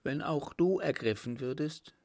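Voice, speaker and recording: A frightened young noblewoman pleads in a high, strained voice, as a male reader puts her on. The anxious audiobook heroine sounds much higher than the narrator's own low tone. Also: unhurried, darkish tone. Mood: anxious pleading. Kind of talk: audiobook reading.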